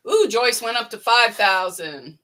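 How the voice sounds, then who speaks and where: A woman hosting a casual sewing livestream, briskly reading out viewer names and bid amounts from the chat. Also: on the high side, expressive, a bit bright. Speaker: livestream host. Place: indoor sewing room.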